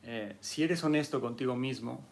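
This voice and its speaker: A man's voice: medium pitch, moderate pace, vocal fry, slight background noise. A man with a Mexican accent teaching a martial arts class in a conversational way, often checking in with his listeners. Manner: conversational, keeps asking "¿sí?" to check understanding; acts out arguing people in a raised, mocking voice. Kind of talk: casual teaching talk.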